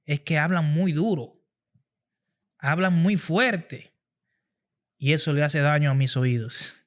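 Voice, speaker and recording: A man's voice: on the high side, takes it slowly. A man hosting a podcast, giving an earnest motivational talk on public speaking and repeating phrases for emphasis. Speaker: podcast host.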